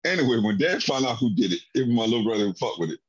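A man telling childhood stories in a casual chat, animated and laughing often, with a profane, lively delivery. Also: medium pitch, racing, husky. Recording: dull lo-fi audio.

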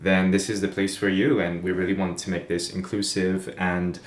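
A man's voice: sits low, normal speed, a little hiss or hum. A young man from France with a French accent, co-hosting a podcast in casual, chatty talk. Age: young adult. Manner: relaxed, chatty, laughs easily. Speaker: podcast co-host. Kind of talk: casual chat. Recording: echoey room.

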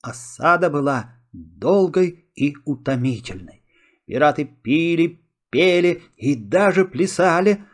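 Slow, expressive male storybook narrator. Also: fairly high pitch. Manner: expressive, first-person storyteller.

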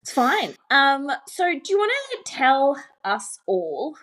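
A woman's voice: high voice, sing-song, slow pace, a bit bright. A woman from Australia co-hosting a podcast, chatting in a giggly, teasing way. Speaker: podcast co-host. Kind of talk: casual chat.

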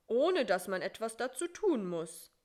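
A woman voicing a sleepy, timid male spider who answers in a slow, know-it-all way. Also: fairly high pitch, very animated, darkish tone.

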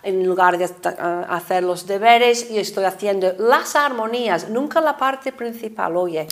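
A woman in her sixties from Liverpool with an English accent, a singing teacher chatting in an interview, animated and laughing often. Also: mid-range voice, moderate pace. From England, Liverpool. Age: 60s. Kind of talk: casual interview conversation.

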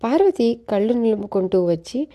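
A woman narrating a children's magazine story in a steady, even reading style. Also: on the high side, moderate pace, muffled recording.

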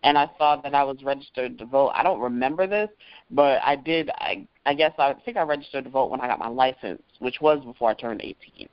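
A man in his thirties co-hosting a casual podcast, talking in a chatty, animated way with plenty of filler words. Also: mid-range voice, a little fast, clean tone, no room sound. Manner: chatty and animated, with many ums and likes. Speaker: podcast co-host. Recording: dry, dull lo-fi audio.

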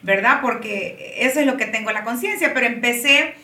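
A woman in her late thirties talks through her own story as an interview guest, unhurried and full of fillers. Her voice is fairly high and bright. It sounds far from the mic in an echoey room. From Honduras. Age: 30s. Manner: warm storytelling, frequent fillers. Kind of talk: casual interview conversation.

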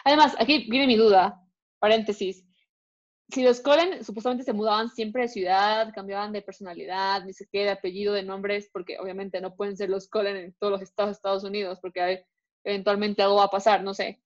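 A woman's voice: medium pitch, steady tone, a little fast. A young woman co-hosting a podcast in casual chat, freely mixing in English words. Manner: chatty, mixes Spanish and English. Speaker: podcast co-host. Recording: dull lo-fi recording.

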